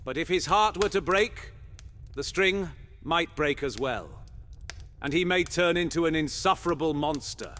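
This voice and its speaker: Playing a talkative, zealous monster hunter from medieval times in a fantasy audio roleplay, a man speaks in theatrical, antique phrasing with a chatty, conspiratorial mood. His fairly high, fairly bright voice has lively intonation and an unhurried pace. A little hiss or hum is audible.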